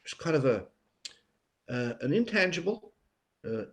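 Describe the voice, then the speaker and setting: An older Canadian writer from Newfoundland gives an interview in a reflective manner, leaning on pauses and repeated words for emphasis. His slightly high voice swings widely in pitch.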